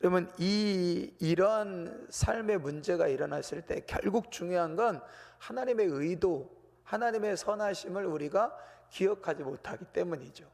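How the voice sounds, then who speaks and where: A man's voice: sits high, moderate pace, creaky, a little mellow, long reverb tail. A man preaching a sermon as pastor, patiently explaining a scripture text and addressing the congregation directly. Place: church sanctuary.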